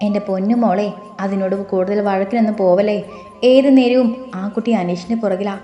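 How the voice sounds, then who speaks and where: A woman voicing an affectionate middle-aged mother who worries and gently scolds. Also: medium pitch, steady tone, fairly quick, close to an everyday voice. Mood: fond. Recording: roomy with faint music.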